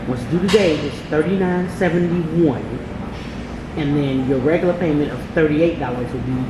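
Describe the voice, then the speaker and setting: A woman's voice: deep voice, moderate pace. A woman working a gym front desk, casually explaining membership terms to a customer. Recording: echoey room, loud ambient noise.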